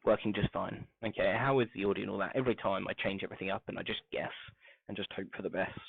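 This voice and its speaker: A man streaming a game, talking softly and muttering to himself as he crafts, his grainy voice muffled as if heard through a wall. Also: low-pitched, fairly even intonation, fast talker, vocal fry, husky, no room sound. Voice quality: grainy voice when quiet. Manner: talks softly, mumbling to himself while crafting. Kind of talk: casual live-stream gameplay commentary. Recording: muffled phone-like mic with faint music.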